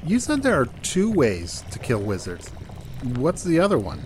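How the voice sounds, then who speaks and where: Man as wry, animated captive everyman. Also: fairly high pitch, moderate pace, low-quality recording. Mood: wry, defiant. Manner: casual, wry, muttering. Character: sarcastic, hapless male captive from Earth. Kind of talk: improvised fantasy audio comedy. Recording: clear background noise.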